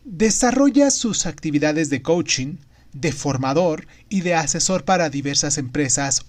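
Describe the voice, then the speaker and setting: A man hosting a podcast, narrating a semi-scripted book summary with emphatic stresses on phrases. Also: fairly high pitch. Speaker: podcast host.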